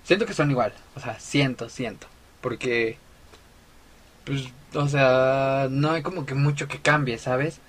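A Mexican man in easy podcast conversation, his voice bright and mid-pitched. He talks his thoughts through as he goes, leaning on fillers while he looks for the right word. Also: a little slow. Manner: chatty, thinks aloud with fillers. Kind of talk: casual podcast chat.

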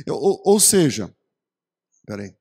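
A man's voice: medium pitch, sing-song, slow, dark tone, breathy edge. A man with a Brazilian Portuguese accent preaching a sermon, telling stories with quoted voices and building to emphatic lists. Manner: storytelling with acted quotes, rising to emphatic lists. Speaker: pastor.

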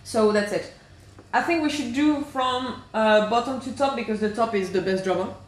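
A woman co-hosting a casual podcast chat from her kitchen, talking in quick restarts and laughing as she goes. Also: fairly high pitch. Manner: chatty, restarts often, laughs while talking. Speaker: podcast co-host. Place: home kitchen. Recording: echoey kitchen.

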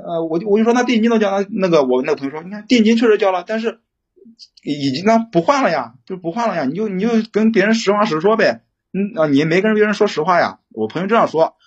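A young man calling in for relationship advice, telling his story in a rambling, halting way with many restarts. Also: high voice, lively intonation, slightly rough, highs cut off. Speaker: caller seeking relationship advice. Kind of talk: casual phone-in storytelling.

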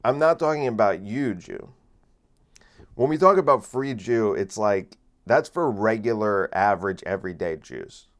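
With a lowish voice at a moderate pace, a man in his late twenties rambles through a casual solo podcast he hosts, full of fillers and restarts. A phone camera and separate microphone capture him, recorded on a microphone.

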